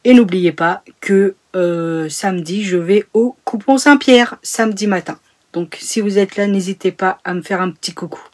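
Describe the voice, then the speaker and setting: A woman's voice: medium pitch, normal speed, darkish tone. A woman reviewing two sewing books in a casual vlog, chatty and hesitant, with many fillers. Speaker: sewing YouTuber. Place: home sewing room.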